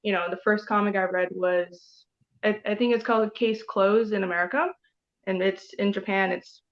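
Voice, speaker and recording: A woman from Taiwan in her thirties chats as a guest, rambling loosely and filling her talk with "like" and "you know". Her voice sits at an ordinary middle pitch. The online call audio is dull and lo-fi. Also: fairly even intonation, normal speed. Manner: chatty and rambling, heavy use of "like" and "you know". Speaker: guest comic artist. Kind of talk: casual interview chat.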